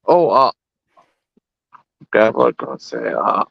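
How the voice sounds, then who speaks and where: A man in a casual online chat whose call audio keeps breaking up. He talks haltingly with many fillers. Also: medium pitch, expressive, creaky, slightly rough, dry recording, muffled recording. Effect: choppy online call audio that cuts out. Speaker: hangout guest on a live video chat. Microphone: remote video call.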